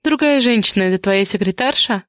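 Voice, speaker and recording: A woman's voice: mid-range voice, quick pace, a bit bright, no room sound, studio quality, close to an everyday voice. A woman reading the part of a sarcastic wife in an audiobook, cool and cutting. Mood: mocking.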